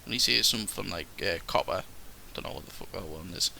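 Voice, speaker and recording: A man's voice: low-pitched, quick pace, gravelly, pushed and bright, a little hiss or hum. A young man with a Sunderland accent, co-hosting a podcast and rambling through ghost stories with lots of swearing and laughter. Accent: Sunderland (Mackem). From Sunderland, England. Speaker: podcast co-host. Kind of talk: casual chat about ghost stories.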